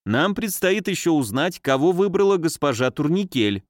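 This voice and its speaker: A man voicing a sly notary who reads out a will in a measured, official manner. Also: a little high, sing-song, no room sound, studio quality, pitched above the performer's own voice. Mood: formal.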